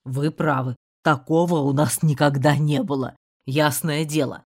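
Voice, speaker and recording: A woman voicing a bossy young male rat in an audiobook, speaking in a brisk, commanding way. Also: low voice, fairly even intonation, creaky, slightly rough, full character voice.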